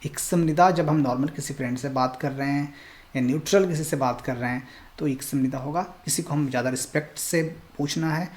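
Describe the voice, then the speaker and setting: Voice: medium pitch, fairly quick, a little mellow. Patient Korean teacher explaining grammar. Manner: patient, reassuring explanations, switching between Hindi and English. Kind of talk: recorded online language lesson.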